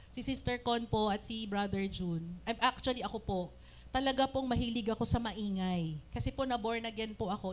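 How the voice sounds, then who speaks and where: Filipino lady preacher, high voice, lively sermon, shouts out praise now and then. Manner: animated, acts out quotes, shouts praise. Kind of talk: Taglish sermon. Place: church service.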